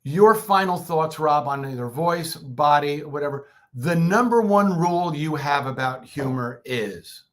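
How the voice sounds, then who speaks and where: A man with a slightly high voice coaches public speakers in a loose, chatty way. He keeps circling back and restarting his sentences, and he tosses in quick checks like "right?" to keep listeners with him. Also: lively intonation, fairly bright tone. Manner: conversational, many fillers and restarts. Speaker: co-host of a speaking workshop. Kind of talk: casual instructional talk.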